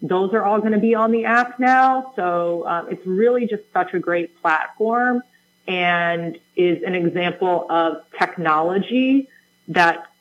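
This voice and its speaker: A woman who directs a program talks as a radio guest. Her voice sits fairly low, yet she sounds upbeat as she explains, with an occasional "um". Her voice comes through dull and lo-fi, as if over a remote line. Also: unhurried. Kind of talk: radio interview answers.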